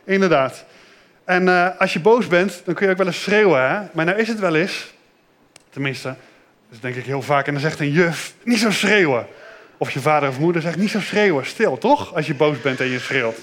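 A children's pastor with a somewhat high voice and a brisk pace gives a children's sermon in a simple, gentle manner. He asks the children questions and repeats back their answers.

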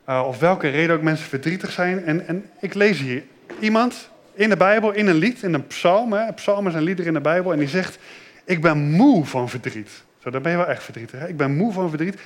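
A man giving a children's sermon in a simple, gentle way, asking the children questions and repeating their answers. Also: sits high, fairly quick. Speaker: children's pastor.

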